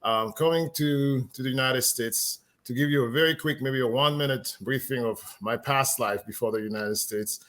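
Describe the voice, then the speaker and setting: A man's voice: medium pitch, normal speed, hardly any pauses, fairly bright tone. A middle-aged man from Ivory Coast and France, talking unhurriedly as a guest in a casual conversation, with many fillers.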